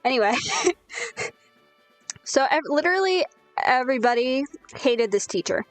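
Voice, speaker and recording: A woman's voice: high voice, animated, brisk, faint music behind. A young woman telling a rambling, sweary, self-deprecating story while gaming. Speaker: gaming streamer.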